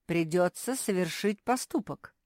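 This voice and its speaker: A woman's voice: lowish voice, expressive, unhurried, darkish tone, no echo, studio quality. A woman voicing a sly old male shopkeeper with ingratiating, sing-song sales patter, in an audiobook. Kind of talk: audiobook character voice.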